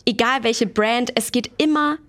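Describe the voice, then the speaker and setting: A woman's voice: a little high, measured pace, a bit bright. A young woman, chatting as an interview guest and mixing in English phrases. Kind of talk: casual interview chat.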